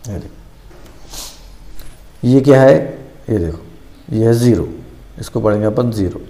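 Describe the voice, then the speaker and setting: A man's voice: on the low side, measured pace, dark tone. A man teaching a math lesson, patiently repeating each step and answering his own questions.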